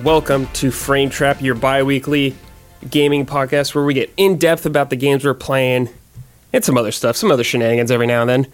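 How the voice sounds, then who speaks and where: A man's voice: medium pitch, steady tone, brisk, faint music behind. A man hosting a gaming podcast, friendly and joking dryly in casual chat. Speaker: podcast host.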